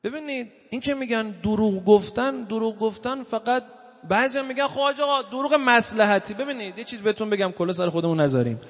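A male cleric giving a sermon in a mosque hall, alternating loud exclamations with soft, drawn-out recitations. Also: high voice, lively intonation. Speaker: cleric preacher. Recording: dull recording with long reverb.

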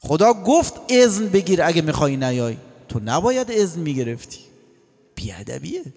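A man giving a lively religious lecture, quoting scripture and acting out short dialogues. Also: on the high side. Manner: animated, acts out voices and quotes scripture. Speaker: cleric. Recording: long hall reverb.

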